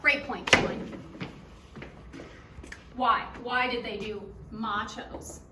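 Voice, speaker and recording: Higher-voiced young woman, echoey and distant. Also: fairly even intonation, slow. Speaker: physics student. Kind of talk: explaining physics in a student skit. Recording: echoey room, distant mic, faint noise.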